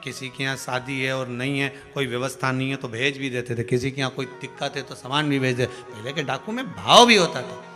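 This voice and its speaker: Bright-voiced man preaching in an echoing hall. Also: mid-range voice, brisk, few pauses. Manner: storytelling, rising to emphatic outbursts. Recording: echoey hall with music behind.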